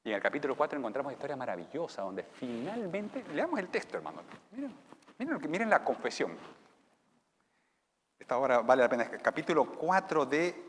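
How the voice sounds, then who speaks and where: A male pastor preaching a sermon dramatically, dropping to whispers and rising to loud exclamations. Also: medium pitch, wildly swooping pitch, a little fast, slight background noise. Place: church. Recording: church hall with long reverb.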